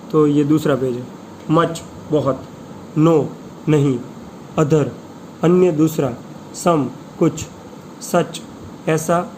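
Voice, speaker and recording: Man, slightly high voice, very slow word-list teacher, faint room noise behind. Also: a little mellow, rough recording. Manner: slow, deliberate, spells words letter by letter. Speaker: English teacher. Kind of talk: slow vocabulary lesson, reading word lists with Hindi meanings.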